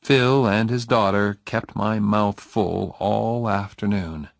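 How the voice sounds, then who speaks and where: A man narrating an audiobook story in a slow, steady, deliberate reading. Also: lowish voice, vocal fry, dry recording, clean studio sound.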